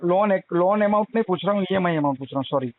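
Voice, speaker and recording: A man's voice: sits high, racing, over a noisy crowd. A distressed man on a phone call, pleading and complaining, demanding an apology over a loan dispute. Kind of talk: heated phone argument. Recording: tinny phone line recording.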